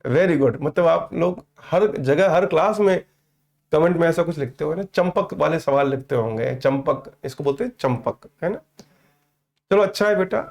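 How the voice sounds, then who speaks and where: A man in his fifties talks with his students in a live online class, teasing them and calling them "beta". His voice sits a bit high and has a gravelly, creaky edge. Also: a little mellow. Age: 50s. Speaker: teacher.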